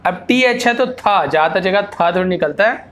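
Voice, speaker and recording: A male teacher explaining English phonics, asking himself questions and then answering them, and repeating example words slowly. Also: sits high, lively intonation, a bit bright.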